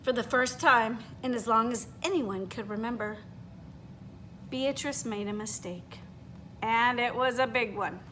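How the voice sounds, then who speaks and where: Woman, picture book read-aloud, expressive, high-pitched, engages listeners with questions, slight background noise. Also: poor audio. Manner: animated, pauses to ask listeners questions.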